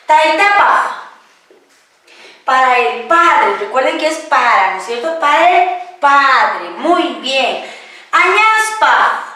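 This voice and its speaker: A woman's voice: high-pitched, sharp tone. A woman teaching a language class, patiently asking the class questions and answering them herself, often checking with tag questions. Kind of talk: classroom grammar lesson. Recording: echoey room, voice from far off.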